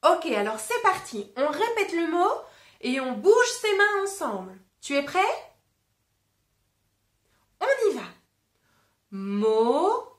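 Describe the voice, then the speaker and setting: A woman's voice: very high voice, very animated, slow pace, pauses often, a bit bright, roomy sound. A woman reading a picture book aloud to a child, patiently stopping to ask questions and play word games. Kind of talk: interactive read-aloud.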